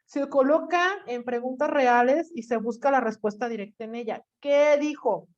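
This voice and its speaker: A woman's voice: high voice, moderate pace, darkish tone, dull audio. A woman teaching a class, chatty and teasing, often checking in with her students with questions. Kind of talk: online class lecture.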